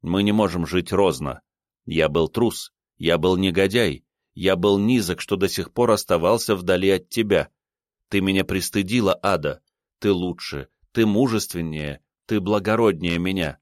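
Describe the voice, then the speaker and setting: A man's voice: low-pitched, normal speed, no echo, clean studio sound, lightly acted. A male audiobook reader voicing a passionate, remorseful man who makes fervent, repeated vows to his beloved. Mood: resolute.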